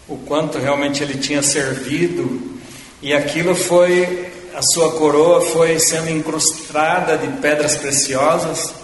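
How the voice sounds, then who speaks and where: A man preaching a sermon, slow and fervent, rising in force and then falling to a hush. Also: on the high side, slight background noise. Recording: echoey hall with long reverb.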